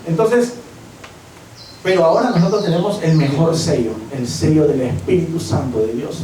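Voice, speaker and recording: A Peruvian pastor preaching with passion, his voice sitting fairly high for a man. He is recorded from a distance in a church hall, so his words ring with a strong echo. A faint hum of the room stays underneath him. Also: moderate pace, warm tone. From Peru. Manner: impassioned preaching, acting out quoted voices. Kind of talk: sermon. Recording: echoey church from far off.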